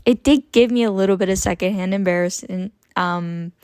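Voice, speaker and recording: A young woman in her twenties chatting casually about her book haul, expressive and prone to tangents. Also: mid-range voice, normal speed, clear, resonant tone, no room sound. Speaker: book vlogger. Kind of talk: casual chat about books.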